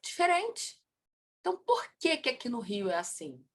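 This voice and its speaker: A woman teaching a class on family constellation, asking the students questions and answering them herself, her voice rising and falling in loudness and speed. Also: medium pitch, normal speed, slightly rough. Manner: lively, swings in loudness and pace.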